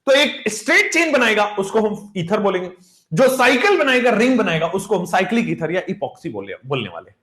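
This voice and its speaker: A man's voice: sits high, very animated, a bit bright, echoey room. A man teaching chemistry in an online lecture, calling students "beta" and drawing out and repeating key terms. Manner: calls students beta and bachche, asks rhetorical checks; drawn-out stressed words, repeats key terms.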